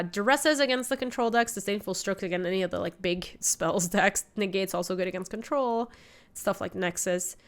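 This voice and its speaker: Sniffling from a mild cold, this twenty-something streamer chats through her card game at home, explaining her deck choices and reading messages from chat. Her voice sits at a medium pitch, smooth and a bit bright.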